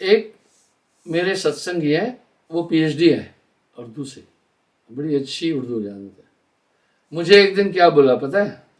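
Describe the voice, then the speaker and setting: Older male spiritual teacher, high voice, deliberate explainer, mic at a distance. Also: animated. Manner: deliberate, explanatory, slows to spell out sounds. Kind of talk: live spiritual discourse.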